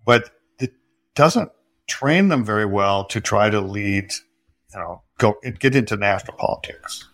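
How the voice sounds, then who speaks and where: A man guest on a talk podcast, explaining history in a thoughtful, unhurried way with some hesitations and dry humor. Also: lowish voice, lively intonation, fairly bright tone. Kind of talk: conversational interview answers.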